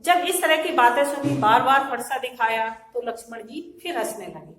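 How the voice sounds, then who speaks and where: A woman teacher giving a classroom lecture. She recites verse lines slowly and loudly, then explains them in plain speech with rhetorical questions to the class. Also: on the high side, lively intonation, reverberant, low-quality recording. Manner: asks rhetorical checks of the listeners.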